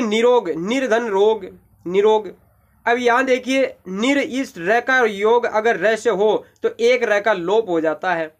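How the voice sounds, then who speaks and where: A man teaching Hindi grammar for exam preparation, patiently breaking down each example word step by step and addressing viewers directly. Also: high-pitched. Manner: addresses viewers with "देखिए" and "भाई". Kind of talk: explanatory exam-prep lesson.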